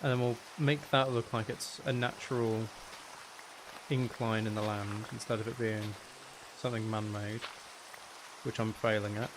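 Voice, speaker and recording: Over a constant patter of rain, a man with a fairly low voice talks at normal speed, leaving long pauses. He's a streamer thinking aloud during a game, joking at his own expense as he rambles along.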